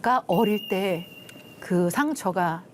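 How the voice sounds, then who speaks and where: A middle-aged woman gives a television lecture, and her pitch rises and falls a lot as she tells her story. She acts out the quoted lines and then softens to a near hush at the tender parts. A faint studio noise sits behind her voice. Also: animated, unhurried. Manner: drops to soft hushed tones at tender moments. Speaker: lecturer, love institute director.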